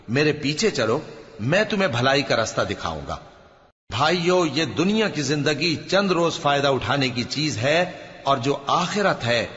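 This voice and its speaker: A man reading a scripture translation aloud in a solemn, measured recitation. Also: mid-range voice, fairly bright tone. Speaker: scripture reader. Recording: dull audio with long reverb.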